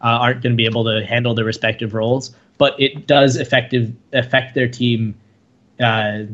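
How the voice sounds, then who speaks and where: A man's voice: medium pitch, flat delivery, moderate pace, a bit bright. A young man co-hosting an esports fan podcast, rambling through casual chat with many "uh"s and restarts. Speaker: podcast co-host. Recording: dull lo-fi podcast audio.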